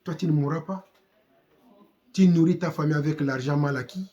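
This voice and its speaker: Congolese-accented male commentator, slightly high voice, preachy and repetitive, fires off rhetorical questions. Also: fairly quick, warm tone, lo-fi sound. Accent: Congolese French. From Democratic Republic of the Congo. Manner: exhorting, rhetorical questions, repeats himself. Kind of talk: impassioned commentary.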